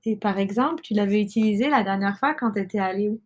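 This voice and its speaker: Woman in her thirties, casual host, halting delivery full of fillers, mid-pitched. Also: darkish tone. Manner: hesitant, many fillers and restarts. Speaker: podcast host and mother. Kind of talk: casual explanatory talk.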